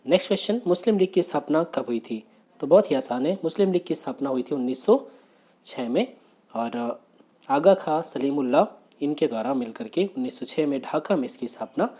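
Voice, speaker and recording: A man teaching exam prep, working briskly through quiz questions, asking rhetorical questions and repeating the answers. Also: medium pitch, warm tone. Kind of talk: exam question walkthrough lecture.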